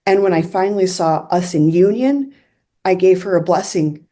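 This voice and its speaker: A woman's voice: fairly low pitch, moderate pace, dark tone. A young woman casually telling a personal story in an earnest, confiding way, full of "like" fillers. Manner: chatty, many fillers like "like" and "I'm like".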